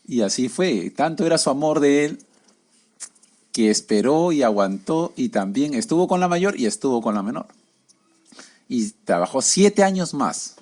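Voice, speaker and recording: A man's voice: medium pitch, sing-song, moderate pace, a little mellow. A man preaching a conversational sermon, often tagging his lines with questions to the listeners.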